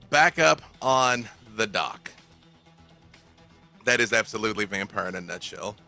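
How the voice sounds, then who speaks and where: A man's voice: mid-range voice, bright, forceful tone. A man narrating as game master in a loose, chatty way with lots of fillers.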